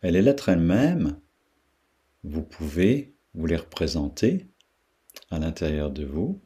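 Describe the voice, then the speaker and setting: A deep-voiced man guides a meditation in an unhurried, pausing way. His voice is low and husky, and he often repeats sounds and words to let them sink in. He speaks with the calm patience of a teacher. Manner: slow, pausing, repeats syllables to demonstrate their sound.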